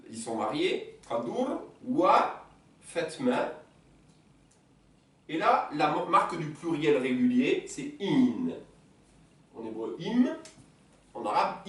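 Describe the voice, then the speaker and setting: A teacher leads a beginner class at an unhurried pace, repeating each word and pausing to check that everyone follows. The voice rises and falls a great deal. It sounds distant and roomy, as if caught by a microphone across the classroom. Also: mid-range voice. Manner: patient, repeats words slowly, checks understanding. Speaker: Arabic teacher. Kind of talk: classroom lesson.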